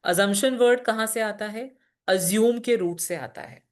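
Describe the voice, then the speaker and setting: A woman's voice: medium pitch, unhurried, a little mellow. A woman teacher giving a lecture on reasoning, explaining patiently, asking questions and answering them herself, and mixing terms into Hindi. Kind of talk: classroom lecture.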